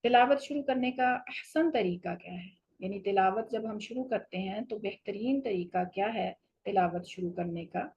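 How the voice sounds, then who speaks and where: A woman teaches Quran recitation in a patient, explanatory way and slows down to recite each example. Her voice is slightly husky, and the recording sounds dull and lo-fi. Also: medium pitch, darkish tone. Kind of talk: tajweed lesson.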